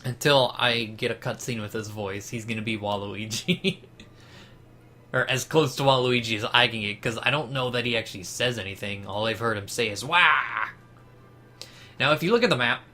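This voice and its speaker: A man's voice: mid-range voice, sharp tone. A man giving laid-back, rambling commentary while playing a video game. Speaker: gameplay video host. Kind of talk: casual gameplay commentary.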